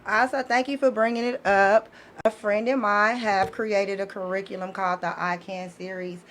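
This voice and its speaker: On a noisy live podcast, a woman guest from the U.S. presents her series of educational books, her mid-range, slightly bright voice level and moderately paced. She makes points emphatically in a casual way, punctuating them with questions to check listeners keep up.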